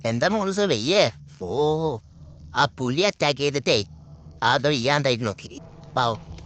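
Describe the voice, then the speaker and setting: A gaming host with a medium-pitched voice delivers live gameplay commentary. He's excitable, repeating words in quick bursts.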